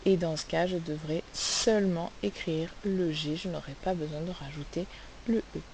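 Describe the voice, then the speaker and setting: A woman teaching a phonics lesson, sounding out letters and syllables slowly and asking the class questions. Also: low-pitched, fairly even intonation, darkish tone, low-quality recording. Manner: slow, carefully spelled-out sounds, asks questions. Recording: faint hiss.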